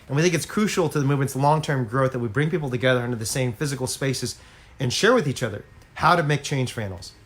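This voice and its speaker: An animal rights activist talks straight to his viewers during a relaxed livestream from home, earnest and trying to persuade. His voice is medium-pitched with a fairly bright tone, recorded through a phone or laptop.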